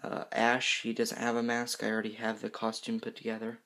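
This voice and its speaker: Teen guy doing a casual review, kinda rambly and hesitant, pretty flat creaky voice. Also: fairly low pitch, a little fast. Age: teenager, fifteen. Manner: hesitant, rambling, self-correcting. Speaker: reviewer of horror movie masks. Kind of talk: casual, unscripted product review.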